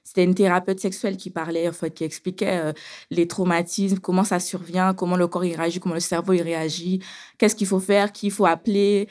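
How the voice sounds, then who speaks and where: A woman as an interview guest, telling her own story in casual conversation, animated and hesitant, often repeating herself. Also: lowish voice, fairly quick. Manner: animated, hesitant with frequent fillers and repetitions.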